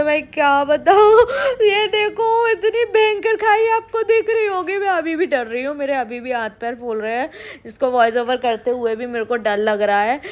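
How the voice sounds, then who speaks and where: High-voiced fast-talking woman vlogger. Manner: rapid, run-on talking in one breath; emotional, storytelling. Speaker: travel vlogger. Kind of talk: travel vlog voice-over.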